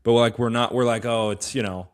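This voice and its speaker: A man's voice: medium pitch, steady tone, fairly quick. A man in his late twenties hosting a casual podcast conversation, eager and affirming, with a lot of filler words. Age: 20s. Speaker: podcast host.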